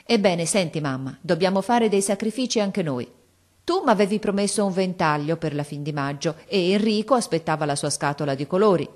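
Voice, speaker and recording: A woman's voice: on the low side, expressive, brisk, darkish tone, natural voice. A woman reading aloud and voicing a resolute, loving young girl who pleads earnestly and insistently.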